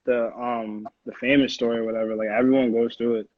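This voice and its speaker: Over phone-quality sound, a man in his early twenties from Connecticut talks casually as a music producer being interviewed, his American accent and slang keeping things informal. His medium-pitched voice is level and a little fast.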